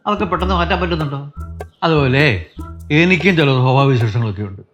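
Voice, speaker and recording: A man's voice: fairly high pitch, lively intonation, fast talker, a bit bright, soft background music. An actor playing an old grandfather in a family sitcom, a patient storyteller who teases the children and turns firm when he scolds his wife. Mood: chiding. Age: older. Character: genial old grandfather, teasing and steady. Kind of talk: sitcom acting.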